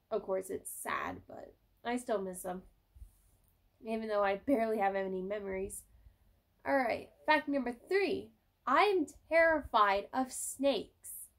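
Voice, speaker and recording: Young adult woman, high voice, rambling casual vlog chat into a phone. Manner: rambling, chatty, casual swearing. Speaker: vlogger. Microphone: cell phone.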